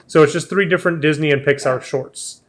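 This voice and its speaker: This man's voice is fairly high and a little fast. Hosting a casual travel show chat while he has the hiccups, he talks in a chatty way and frequently restarts his sentences.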